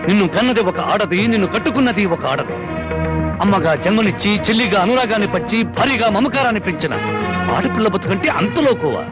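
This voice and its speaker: An actor playing a fiery, defiant man who thunders speeches and makes comically gruff threats in a film scene. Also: high voice, lively intonation, fast. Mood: righteous fury. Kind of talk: Telugu film dialogue. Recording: film soundtrack with loud music.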